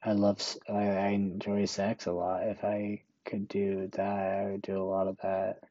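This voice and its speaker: A young man hosting a solo podcast, thinking aloud slowly in a monotone way. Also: low voice, no room sound, lo-fi sound. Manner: slow, monotone, musing. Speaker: podcast host.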